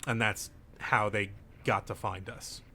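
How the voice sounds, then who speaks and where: A young man's fairly low, creaky voice comes across pushed and bright, fairly even in intonation and a little slow. He hosts a group let's play over game music, easygoing and joking as he recaps events and explains the mechanics.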